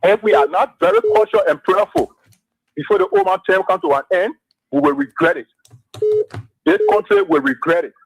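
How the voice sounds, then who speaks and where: A man's voice: sits high, very animated, normal speed, gravelly, pauses often, breathy edge. A male caller on a radio talk show urging listeners to stay prayerful, heard over a phone line. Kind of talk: call-in radio commentary.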